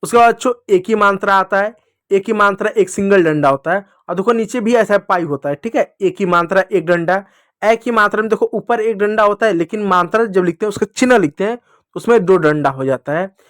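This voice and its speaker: A man teaching children, patiently repeating each sound slowly and drawing out the vowels. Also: sits high, a bit bright, dry recording, clean studio sound. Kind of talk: Hindi lesson for children.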